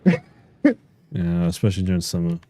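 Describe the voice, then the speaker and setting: A man's voice: low voice, very animated, a little fast, dark tone. A man from England, co-hosting a game livestream in casual chat and laughing easily. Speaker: stream co-host. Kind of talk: casual chat while gaming.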